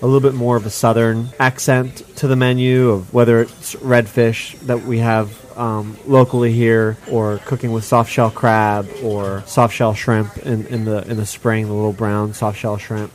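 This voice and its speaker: A man's voice: fairly low pitch, little pitch movement, normal speed, few pauses. A man from Israel, a chef being interviewed, telling stories in a reflective, rambling way with lots of "like" and "you know.". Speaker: chef, guest. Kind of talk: casual interview storytelling.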